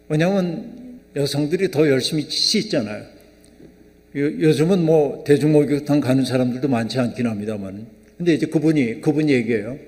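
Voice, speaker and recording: A man's voice: mid-range voice, warm tone. An older male pastor preaching a conversational sermon, often asking the congregation questions. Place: church sanctuary. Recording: long reverb of a church hall.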